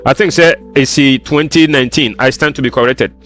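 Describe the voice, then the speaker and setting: A man with a Ghanaian accent hosting a commentary, talking in a measured, hedging way. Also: medium pitch, fairly bright tone, faint music behind. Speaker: channel host. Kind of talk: commentary mixing Twi and English.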